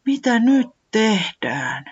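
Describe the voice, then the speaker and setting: An excitable little furry creature from a children's storybook , put on by the reader, speaks in a voice pitched well above the narration, bright and eager. It exclaims loudly and is quickly dismayed. The recording sounds dull and lo-fi. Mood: forlorn. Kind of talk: storybook reading.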